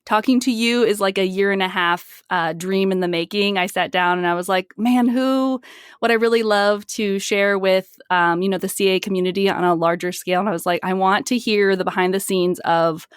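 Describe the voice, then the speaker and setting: A woman hosting a podcast interview, enthusiastic and quick to laugh. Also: medium pitch, fairly even intonation, clean tone, dry recording, clean studio sound. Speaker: podcast host. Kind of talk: casual interview.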